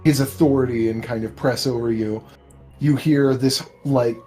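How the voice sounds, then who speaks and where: A man narrating a tabletop game as game master, improvising the story in a halting, measured way. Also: mid-range voice, fairly even intonation, warm tone. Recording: faint background music.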